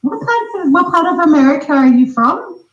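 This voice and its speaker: An Australian woman plays a prank on a phone scammer, firing off deadpan, teasing questions. Her voice swings lively up and down. She sounds a little dull and roomy, as if in an echoey space. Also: high voice, a little fast. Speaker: scambaiting livestream host. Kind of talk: playful prank call.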